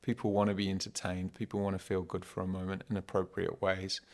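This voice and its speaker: A man's voice: deep voice, monotone, brisk. A man with a New Zealand accent talking casually and reflectively as a podcast guest, in a wry, informal, philosophical way.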